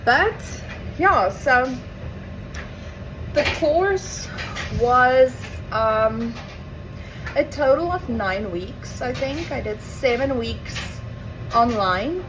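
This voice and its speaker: Talking to camera at home amid running appliances, a young woman from South Africa with an Afrikaans accent rambles through a chatty story, correcting herself and wandering into asides. Her high voice is animated but very slow, with long pauses, and the recording is noisy.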